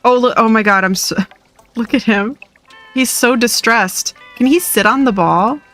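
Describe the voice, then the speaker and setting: With a fairly high, fairly bright voice and a somewhat slow pace, a woman streamer talks playfully and casually to viewers during gameplay, laughing often. The recording is a dry close mic with faint music.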